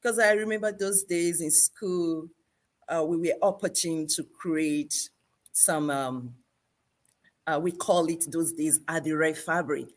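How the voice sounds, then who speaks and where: Speaking slowly in a deep voice, this Nigerian-accented fashion designer from Benin City is a middle-aged guest on a video call interview. She tells stories with frequent easy laughter, surrounded by mannequins in an indoor fashion showroom.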